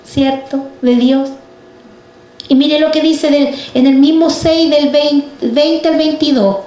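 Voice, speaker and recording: High-voiced woman preaching in an echoey hall. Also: fairly even intonation, slow, dark tone. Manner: fervent, addresses the congregation directly with rhetorical questions. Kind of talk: sermon. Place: church.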